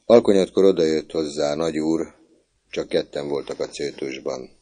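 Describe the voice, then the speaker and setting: A man with a very deep, dark voice narrates a novel as an audiobook. His delivery is measured and even, unhurried. The tone is mellow and low throughout. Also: no room sound. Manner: measured storytelling.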